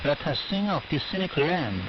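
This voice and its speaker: Formal male radio announcer, slightly high voice, heard over a fading, dull shortwave signal. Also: very animated, moderate pace. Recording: distant, echoey, dull shortwave broadcast.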